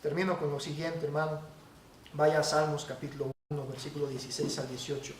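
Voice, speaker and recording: A man preaching a sermon as pastor, emphatic and building to forceful peaks. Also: a little high, little pitch movement, fairly quick, distant mic. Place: church hall. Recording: echoey church hall, faint noise.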